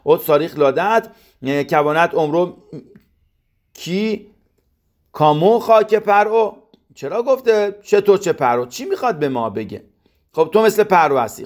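A man with a slightly high voice gives a text study lesson. He chants verses from scripture, then explains them plainly and keeps asking his listeners what each word means. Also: lively intonation. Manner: poses questions to the listener. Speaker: Torah teacher.

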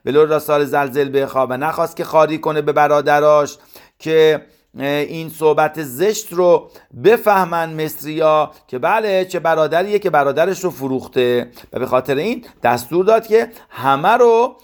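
A middle-aged man teaching a religious lesson, reading Hebrew commentary lines and explaining each in plain conversational terms. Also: on the high side.

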